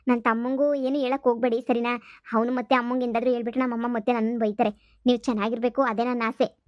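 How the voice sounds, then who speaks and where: A woman voicing a kind-hearted young woman who talks in a hushed, scolding, urgent way in a cartoon comedy. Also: on the high side, level tone, quick pace, dry recording, lo-fi sound, natural voice. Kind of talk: cartoon voice acting.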